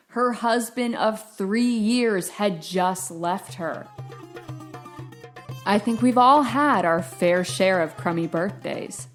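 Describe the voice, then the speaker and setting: A woman hosting a true-crime review podcast, retelling the story with playful, sarcastic asides. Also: mid-range voice. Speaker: podcast host.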